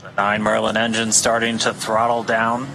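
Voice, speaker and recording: A man's voice: fairly low pitch, completely flat delivery, normal speed, pushed and bright. A man doing live launch commentary, explaining technical callouts as a broadcast host. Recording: clear background noise.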